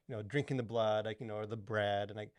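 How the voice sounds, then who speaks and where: In a laid-back podcast conversation about culture and faith, this co-host rambles with plenty of "like" and "you know." His lowish voice holds a steady tone at a quick pace, and there's no room sound in the recording.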